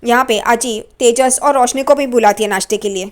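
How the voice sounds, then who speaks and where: A woman retelling a story casually, slipping lively into the lines of the people in it. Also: fairly high pitch. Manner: lively, quick to slip into quoted lines. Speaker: recap narrator.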